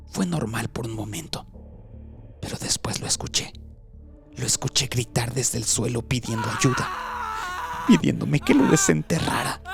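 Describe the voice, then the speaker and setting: A man's voice: lowish voice, a bit bright. A man voicing a haunted young man terrified by his nightmares, whispering and then crying out in panic, in a scripted horror story.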